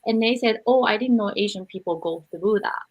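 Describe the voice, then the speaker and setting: A Japanese woman who speaks English as a second language hosts a podcast interview, conversing earnestly and emphatically and repeating points to stress them. Her mid-range voice is brisk, and the recording sounds muffled.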